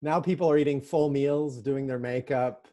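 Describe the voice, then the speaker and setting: A man's voice: mid-range voice, steady tone, normal speed, warm tone. A man hosting a casual interview, chatty and joking, with lots of fillers. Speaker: podcast host.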